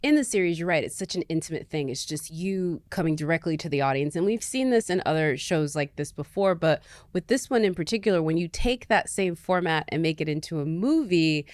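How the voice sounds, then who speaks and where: Low-voiced woman hosting an interview. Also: animated, brisk, a little mellow, no room sound, studio quality. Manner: enthusiastic, polished questions. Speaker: host.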